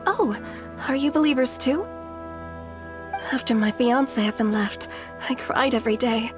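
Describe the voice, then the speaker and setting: A lovelorn young female believer from a video game , played by an actress. The voice is high, earnest and fervently devoted, with faint music underneath. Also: moderate pace, close to an everyday voice. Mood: fervent, hopeful.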